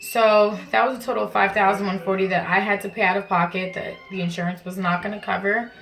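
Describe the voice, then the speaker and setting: A woman's voice: medium pitch, fairly even intonation, fast, creaky, a bit bright, slight background noise, rough recording. A woman vlogger talking casually and informally to camera, explaining things in a chatty way from her bathroom at home. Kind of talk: casual vlog talk to camera.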